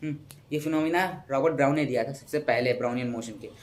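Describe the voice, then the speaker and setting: A man's voice: medium pitch, quick pace, a little hiss or hum. A young man explaining science in a casual, chatty way, repeating words, correcting himself and making little sound effects. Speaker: teacher.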